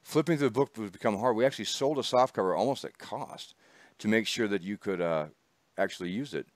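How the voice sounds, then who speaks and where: This host has a fairly low, lively voice and a brisk pace, captured in a dry recording in a small studio. He runs a casual chat show, chatting, rambling and breaking into laughter often.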